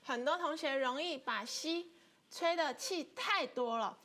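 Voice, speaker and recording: A woman's voice: sits high, measured pace, sharp tone, faint music behind. A woman teaching an online flute class, patiently explaining technique step by step. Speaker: music teacher. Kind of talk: online instrument lesson.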